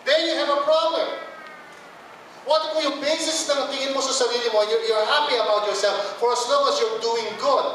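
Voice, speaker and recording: A Filipino man preaching in a high, light voice, switching between English and Filipino and putting on quoted voices. He sounds far from the mic, in a big church hall with heavy echo and faint noise behind him. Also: steady tone, normal speed, fairly bright tone. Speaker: pastor. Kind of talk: sermon.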